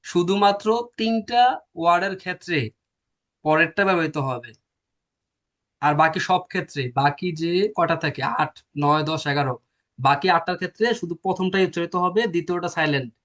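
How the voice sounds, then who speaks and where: Male teacher, a bit high-pitched, quizzes the class and answers himself. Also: a little fast, fairly bright tone. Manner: explains step by step, asks and answers his own questions. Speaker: language teacher. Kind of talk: classroom lecture.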